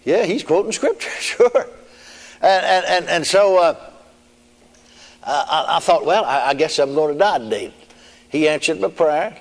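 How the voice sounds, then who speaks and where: A man preaching a folksy, rambling sermon as a personal story, with colloquial asides. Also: on the high side. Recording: archive sermon in a reverberant hall.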